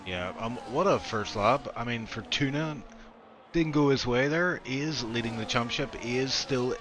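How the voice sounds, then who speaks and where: A man's voice: medium pitch, moderate pace, noisy background. A man hosting a league sim race stream, chatting casually, asking his co-commentator questions and reading out viewer comments.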